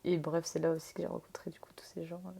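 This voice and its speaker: Young Frenchwoman, tattoo artist guest, rambling casual chat, creaky voice. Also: low-pitched, level tone, very fast, dark tone. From France. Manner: chatty, rambling with many filler sounds.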